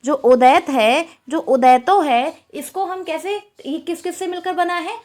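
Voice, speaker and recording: A woman's voice: high voice, a little slow, darkish tone. A woman teaching a Sanskrit exam-prep lecture, asking questions and repeating the answers.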